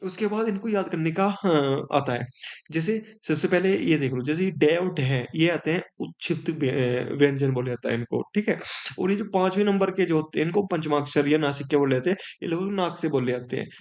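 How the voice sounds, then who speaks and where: A man's voice: on the high side, brisk, a little mellow. A man teaching a grammar lesson for exam students, explaining step by step and checking in with his listeners.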